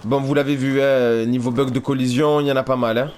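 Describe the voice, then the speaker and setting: Man, gamer commentary, casual and chatty, addresses viewers, mid pitch, slight noise behind. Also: fairly even intonation, brisk, darkish tone. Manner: chatty, talks straight to his viewers. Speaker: let's play gamer.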